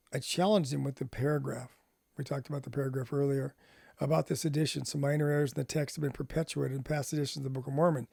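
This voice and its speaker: A man's voice: a little high, vocal fry, mellow, no room sound, clean studio sound. A middle-aged man telling a personal testimony story, acting out both sides of old conversations. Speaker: ministry speaker.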